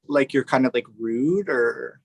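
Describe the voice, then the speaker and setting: A man's voice: medium pitch, unhurried, vocal fry, husky. A man hosting a podcast in casual interview chat, easygoing and laughing a lot, filling with "like" and "you know". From Canada. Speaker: podcast host.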